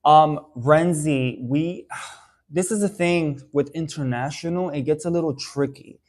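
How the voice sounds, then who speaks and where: A young adult man from the Dominican Republic, owner of a haircare brand, answers viewer questions on a casual live stream, with lots of fillers and restarts. His voice is a little high with a darkish tone, and his pace is measured.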